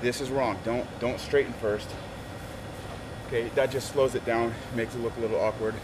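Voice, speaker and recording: A man's voice: medium pitch, steady tone, normal speed. A middle-aged man speaking as a martial arts instructor, giving short step-by-step commands outdoors, recorded from a few metres away. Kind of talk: taekwondo lesson, demonstrating and instructing. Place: outdoors in a garden. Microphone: camera a few metres away. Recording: noisy outdoor audio from a distant camera.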